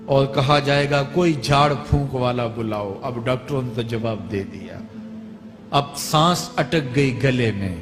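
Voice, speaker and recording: A man preaching an Islamic sermon with dramatic swings between fervent cries and low, grave tones. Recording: long hall reverb with faint music.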